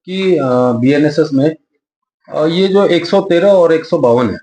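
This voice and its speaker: A man's voice: on the high side, unhurried, warm tone. A man interviewing a lawyer, asking hesitant questions with many fillers. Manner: hesitant questions with fillers, frequent hums of assent.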